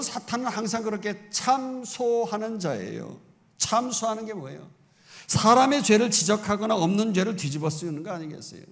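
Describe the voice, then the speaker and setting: A middle-aged man preaching a Sunday sermon as pastor, fervent and emphatic, moving between loud exclamations and conversational questions to the congregation. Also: high voice, creaky. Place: church sanctuary. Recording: long church-hall reverb.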